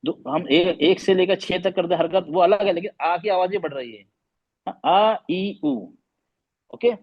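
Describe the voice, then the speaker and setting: High-voiced male teacher drilling vowel sounds. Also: a little slow. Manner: repeats vowel sounds, quizzes students. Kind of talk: classroom lesson on Arabic vowels. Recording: dull lo-fi recording.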